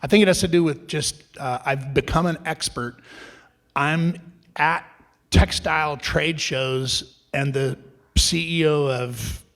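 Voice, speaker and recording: A middle-aged man, an entrepreneur guest, telling his business story at a live event in a lively, conversational way, often restarting and acting out quoted dialogue. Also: on the high side, slow.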